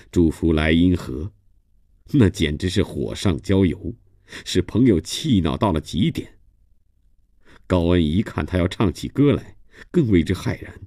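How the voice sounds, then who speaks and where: A male storyteller giving a steady, measured radio reading of a novel in a studio. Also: sits low, no room sound. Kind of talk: scripted novel narration.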